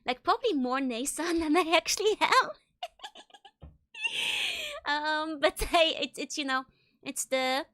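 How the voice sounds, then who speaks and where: A woman livestreamer chatting casually with viewers in a bubbly, giggly, gushing way, with a high-pitched bright voice. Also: measured pace, long pauses. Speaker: streamer, virtual YouTuber host.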